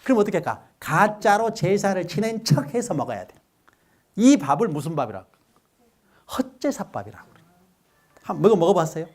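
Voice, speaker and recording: A man's voice: a little high, darkish tone. A middle-aged man giving a public lecture to a live audience, joking and quizzing listeners and having them repeat after him.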